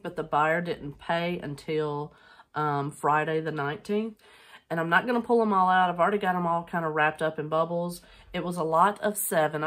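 A middle-aged woman chatting casually at home on a camera mic, rambling with lots of filler ums as she shows items she has sold. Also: on the low side. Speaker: online reseller vlogger.

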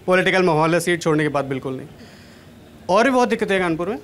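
A young stand-up comedian from Kanpur works a big event stage with a handheld mic. His voice sits high for a man, and he tells his jokes in a chatty, self-deprecating way. There is some noise behind him. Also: animated, rapid-fire, fairly bright tone. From Kanpur, India. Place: large stage at an event, indoors.

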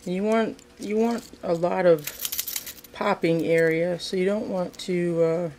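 A woman talks through a hands-on fishing craft at an indoor table, pausing with ums and restarting her sentences as she works. Her pitch stays fairly flat and level throughout. A faint hum of room noise sits behind her. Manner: relaxed, thinking aloud with frequent ums and restarts. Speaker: fishing craft video host. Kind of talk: casual how-to demonstration.

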